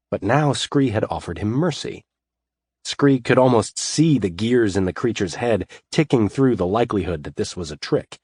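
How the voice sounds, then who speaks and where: Casting: male audiobook narrator, low husky voice, lively delivery, dry close recording. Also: no echo. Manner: expressive storytelling, voices the hero's lines too.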